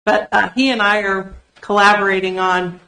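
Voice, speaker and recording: At a public meeting, a state land use planner gives county commissioners an organized, explanatory presentation peppered with "uh" fillers. Her medium-pitched voice is flat and sharp-toned, at a moderate pace, and the recording sounds roomy.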